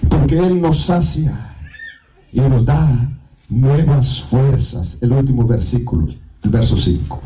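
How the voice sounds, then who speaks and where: A man from Guatemala with a Guatemalan Spanish accent preaching an evangelical sermon, swinging into shouted, half-sung climaxes and returning again and again to "amado hermano". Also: medium pitch, takes it slowly, far from the mic, rough recording. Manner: repeats "amado hermano" as a refrain.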